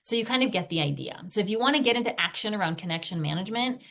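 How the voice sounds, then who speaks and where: A woman's voice: medium pitch, expressive, very fast, gravelly, a bit bright. A woman parenting coach teaching a video lesson in a conversational way, often checking in with her listeners. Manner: acts out quoted phrases parents say to their sons.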